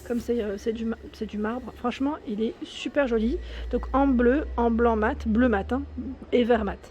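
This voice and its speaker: Walking through a large indoor home improvement store, a French-accented woman vlogger chats enthusiastically and reads out prices and sizes in a casual way. Her fairly high, darkish voice moves at a moderate pace over a little hiss or hum.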